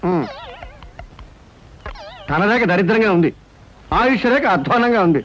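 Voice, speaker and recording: An actor playing a scheming male palmist who flatters with a sing-song manner and fires back quick retorts. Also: high voice. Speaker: palm reader. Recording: dull lo-fi film audio.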